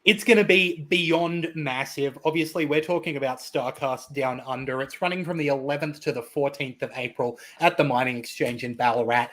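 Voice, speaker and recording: An Australian man hosting a wrestling podcast, rattling off event listings in a casual chat with excited emphasis. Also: mid-range voice, normal speed, hardly any pauses.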